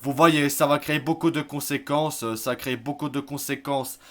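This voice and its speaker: A man giving casual spoken commentary on news articles, hesitant, filling pauses and restarting his sentences. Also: mid-range voice, fairly even intonation. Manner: hesitant, many fillers and restarts, admits stumbling over words. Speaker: YouTube news vlogger.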